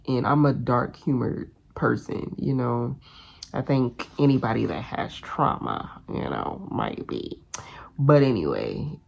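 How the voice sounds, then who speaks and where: A woman's voice: very deep voice, vocal fry, a little mellow. A woman vlogging casually from her bedroom about a book she is reading, chatting candidly to her viewers and swearing freely. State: tired. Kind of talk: casual chat to camera. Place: bedroom at home.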